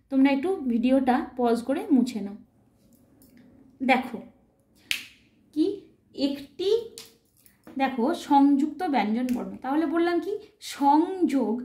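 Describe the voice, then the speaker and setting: A woman's voice: high-pitched, dark tone, roomy sound. A woman teaching a recorded grammar lesson, patiently spelling words out letter by letter and checking understanding with short questions. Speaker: Sanskrit teacher.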